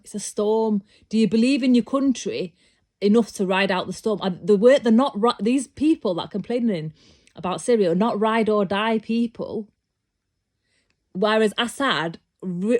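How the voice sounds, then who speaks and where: This British vlogger speaks to camera in a casual, rambling monologue about her opinions, restarting often and becoming more emphatic and insistent as she argues. Her voice sits in the mid range and is a little mellow.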